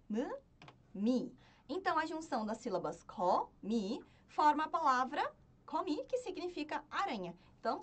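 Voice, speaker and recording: Patient woman teaching, lively high voice. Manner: patient, repeats and checks with "certo?". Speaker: Korean language teacher. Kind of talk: spoken lesson, chanting syllables.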